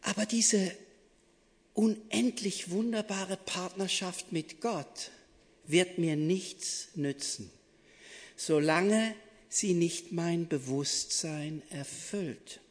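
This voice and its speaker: A preacher giving a devotional sermon, playful, swinging between excited exclaims and hushed, soft asides. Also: medium pitch, very slow, in a large hall.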